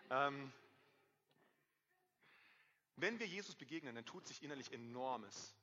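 A man in his thirties preaching a sermon to a congregation, lively, swinging between loud emphasis and quiet asides. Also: on the high side. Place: church hall. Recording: dull, reverberant hall sound.

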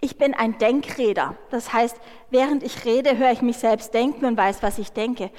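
A woman preacher giving a sermon, retelling the story in a lively way and speaking directly to her listeners. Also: a little high, normal speed, long reverb tail.

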